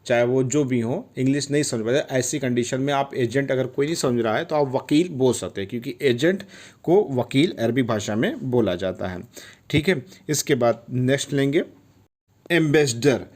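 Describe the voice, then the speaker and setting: A man's voice: mid-range voice, expressive, moderate pace, darkish tone. A man teaching Arabic vocabulary in Hindi, patiently explaining each word and repeating it with frequent check-ins. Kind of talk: vocabulary lesson.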